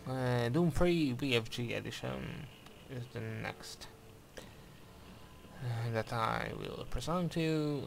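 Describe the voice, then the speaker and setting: A Hungarian man with a medium-pitched, gravelly voice reviews a game, speaking over the footage in careful, Hungarian-accented English. He comments hesitantly, with lots of fillers and restarts, and there's slight background noise.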